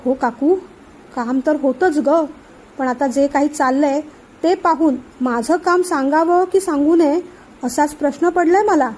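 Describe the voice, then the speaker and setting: A woman reading the part of a nervous young man who speaks hesitantly and softly. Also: sits high, measured pace, poor audio. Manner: hesitant, soft.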